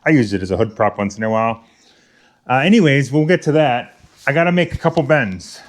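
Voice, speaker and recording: A brisk, mid-range male voice with lively intonation belongs to a garage channel host working on camera. He chats casually to himself and his viewers, tossing out self-deprecating jokes, muttered asides and the occasional whisper.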